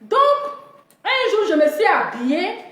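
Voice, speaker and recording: High-voiced woman telling a comic story. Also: unhurried, roomy sound. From Africa. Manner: animated, mimics other people in high squeals.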